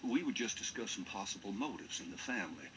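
A man's voice: on the low side, lively intonation, background noise, natural voice. Guy acting courtly movie detective, icy polite questioning, really swoopy delivery, muffled w music behind. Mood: probing, delicate. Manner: coolly polite, probing, deliberate interrogation. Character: courtly, probing male private detective, genteel and theatrical. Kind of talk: film drama dialogue.

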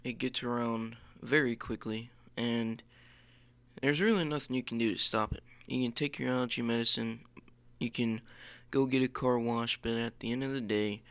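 A man's voice: mid-range voice, fairly even intonation, moderate pace, a bit bright, clear, resonant tone. A man co-hosting a podcast in upbeat casual chat. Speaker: podcast co-host.

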